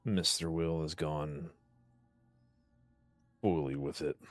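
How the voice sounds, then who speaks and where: A woman in a roleplay whose voice is run through a voice changer that makes it very deep, speaking in a slow, measured, cold way as a masked interrogator. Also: steady tone, dry recording. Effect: voice changer making the voice very deep.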